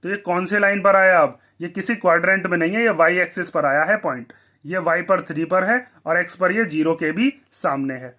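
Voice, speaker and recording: Male maths teacher, high voice, bright tone, asks and answers his own questions. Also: a little fast. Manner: asks the class questions and answers them himself. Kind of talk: blackboard maths lesson.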